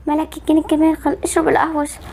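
A woman's voice: sits high, completely flat delivery, very fast, darkish tone. A woman voicing Barbie, an anxious, protective young mother with an Egyptian accent, fretful and soothing in an amateur game movie. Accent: Egyptian Arabic.

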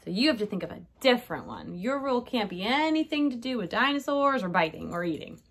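Talking fast and very animatedly, a woman in her thirties reads a story to young children and pauses to ask them questions. She's a kindergarten teacher in a small decorated indoor room, and her voice is on the high side and a bit bright.

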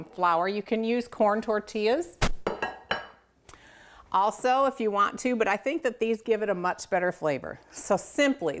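This cooking show host is a middle-aged woman with a mid-range voice, talking straight to her viewers from a home kitchen indoors. She's chatty, folksy and enthusiastic throughout the casual demonstration, and there's a little hiss or hum in the audio.

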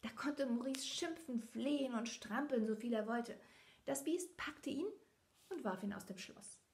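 Slow, whispery woman reading to kids. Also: on the high side, a little mellow. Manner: talks directly to children between passages. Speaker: children's book reader. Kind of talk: reading a storybook aloud to children.

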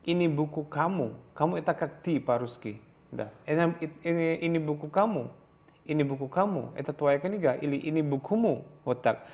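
A man with a fairly high voice and an Indonesian accent speaks at normal speed on a muffled recording. He teaches a language lesson over slides in a second language, hesitantly, with many fillers and restarts, repeating every phrase.

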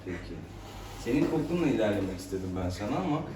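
A man's voice: lowish voice, sing-song, fast. A man working as a vet, talking soothingly to a cat in a clinic. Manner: soothing, coaxing, talks to the cat. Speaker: veterinarian. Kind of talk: casual talk while handling a cat. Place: veterinary clinic room. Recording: echoey room, distant mic, loud background noise.

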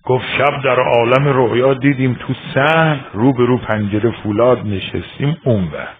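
A man from Iran delivers a religious sermon, telling a story in an emotive way that shifts from hushed to fervent. His voice sits at a middling pitch for a man. The recording sounds thin and tinny, like a phone line. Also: a little hiss or hum. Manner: emotive, swings from quiet to crying out. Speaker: preacher.

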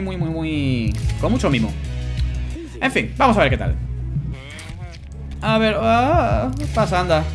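A man with a Spanish accent giving casual, animated commentary on a video game as he plays, swearing and shouting at his own mistakes. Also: on the high side. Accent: Spanish from Spain. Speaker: gameplay YouTuber. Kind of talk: casual let's-play commentary. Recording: music playing behind.

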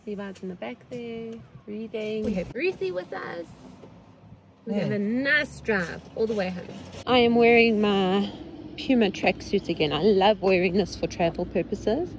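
A South African-accented woman in her forties chats playfully to the camera for a casual road-trip vlog, holding her phone at arm's length inside a car at a petrol station. Her mid-range voice is expressive and moves at normal speed, with background noise audible.

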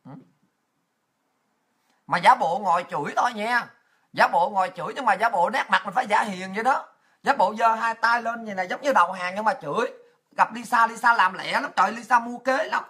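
A woman's voice: mid-range voice, fairly quick, fairly bright tone, breathy edge. A woman with a Southern Vietnamese accent giving an angry, profane political rant. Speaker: political commentator.

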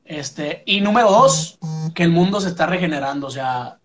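A man's voice: a little high, animated, normal speed, a bit bright. A young Mexican man, a musician, telling his story in a casual interview, full of fillers and "pum" sound effects.

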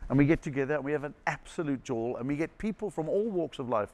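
A man's voice: fairly high pitch, fast. A middle-aged man from South Africa, a comedian telling stories in a casual chat and acting out the people he quotes. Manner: animated storyteller acting out quoted voices. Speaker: comedian guest. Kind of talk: anecdotal storytelling chat.

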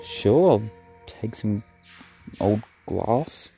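A man's voice: on the low side, expressive, drawn-out words, gravelly, warm tone, faint music behind. A young man, chatting in an easygoing, rambling way as he narrates his vlog and comments on a bushwalk. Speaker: vlogger.

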